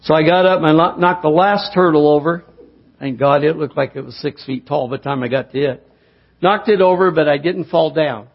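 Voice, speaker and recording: Husky folksy preacher, man. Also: fairly high pitch, brisk. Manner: folksy storytelling, rising to fervent preaching. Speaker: pastor. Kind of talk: sermon. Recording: dull lo-fi sound.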